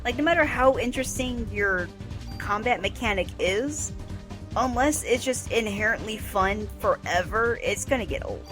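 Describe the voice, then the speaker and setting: A woman's voice: a little high, lively intonation, moderate pace, over music. A woman chatting as co-commentator on a game playthrough, teasing and laughing a lot.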